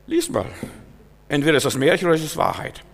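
A man preaching an emphatic sermon, swinging from loud exhortation to quiet, searching questions. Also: a little high, big pitch swings, fast, creaky. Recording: long hall reverb.

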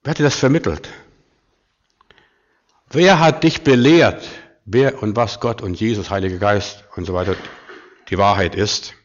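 A man's voice: on the low side, a little fast. Emphatic male pastor preaching a sermon. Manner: emphatic preaching with sudden loud bursts and hushed questions. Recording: dull muffled recording.

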